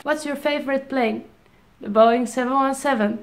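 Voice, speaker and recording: A Dutch woman in her twenties, an airline pilot vlogger, reads viewer questions aloud and answers them casually in a Q&A vlog, with ums and restarts. Her voice is high and steady at normal speed, and the sound is reverberant.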